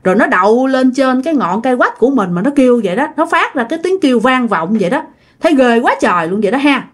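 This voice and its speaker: A woman voicing an old great-grandfather, blunt and bold, who talks in a loud, calling way. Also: high voice, very animated, quick pace. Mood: uneasy.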